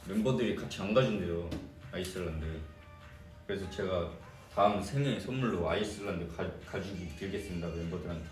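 A man's voice: low voice, a little fast, faint music behind. A young man from Korea's Jeolla region, chatting casually with fans on a livestream and answering their comments. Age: young adult. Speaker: idol singer hosting a fan livestream. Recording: echoey room, distant mic.

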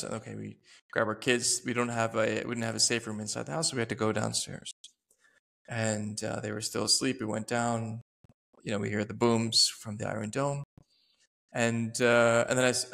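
A man in his thirties speaks in a low voice with a gravelly, fry-laden edge. As a podcast host, he tells a personal story in conversation, earnest and reflective, pausing to search for his words. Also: fairly bright tone. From United States.

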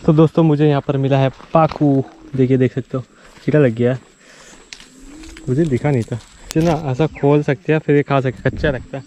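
A man's voice: medium pitch, steady tone, a little fast, warm tone, a little hiss or hum. A man vlogging casually outdoors, talking straight to his viewers with a teasing, chatty manner. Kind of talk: casual travel vlog narration. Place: outdoors on a muddy forest road.

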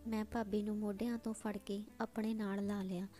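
A woman narrating a story in a steady, scripted reading style. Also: medium pitch, moderate pace, soft background music.

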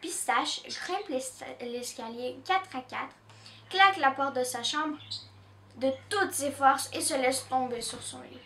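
A woman from Canada reads a children's storybook aloud, slow and expressive. Her voice is high and bright. The recording is roomy and taken from a little way off. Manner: expressive, with small restarts. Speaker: children's book reader. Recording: roomy echo, distant mic.

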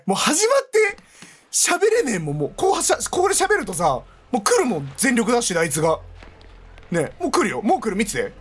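A man streaming a horror game, panicky and rough-spoken, often shouting in fear. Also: very high voice, wildly swooping pitch, fast. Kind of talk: horror game let's play commentary.

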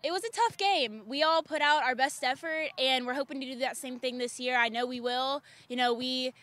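Bright, high-voiced earnest young woman. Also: a little fast. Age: late teens. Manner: earnest, polite. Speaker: high school soccer player, team captain. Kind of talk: live TV interview. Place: outdoor soccer field. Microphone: reporter's handheld microphone.

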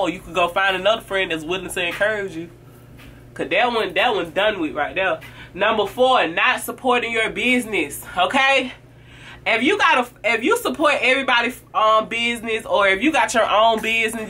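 A woman's voice: medium pitch, pushed and bright, a little hiss or hum. A woman vlogger giving blunt, sassy advice about fake friends in casual talk to camera, acting out what friends say. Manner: blunt, sassy, acts out friends' lines in quoted voices.

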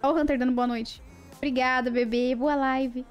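High-voiced chatty woman streamer. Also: fairly even intonation, moderate pace, faint music behind. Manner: chatty, playful, greets viewers by name. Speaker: live streamer. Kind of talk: casual livestream chat with viewers.

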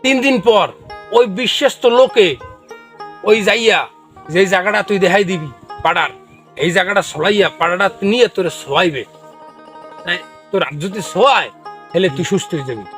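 A man's voice: sits high, lively intonation, brisk, long pauses, fairly bright tone, faint music behind. A man playing a gullible, eager young village son in a comedy drama, with a Barisal Bangladeshi Bengali accent. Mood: secretive, earnest.

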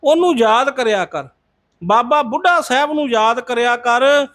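Stern old male yogi in a retold devotional story, quoted by a high-voiced man, firm and advising. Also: a little slow, fairly bright tone. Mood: stern advice. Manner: scolding, then giving blessing-like advice.

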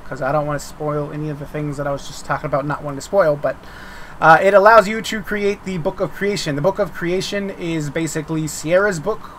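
A man with a slightly higher-pitched voice talks through updates in a loose, informal ramble. He often circles back on his words, like a developer chatting on stream. Faint noise sits behind his voice. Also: fairly bright tone. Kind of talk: casual unscripted update commentary.

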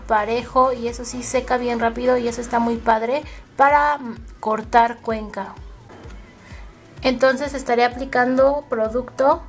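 A woman with a Mexican accent hosting a makeup tutorial, talking chattily to her viewers step by step. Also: on the high side. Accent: Mexican Spanish. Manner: chatty, addresses viewers as girls.

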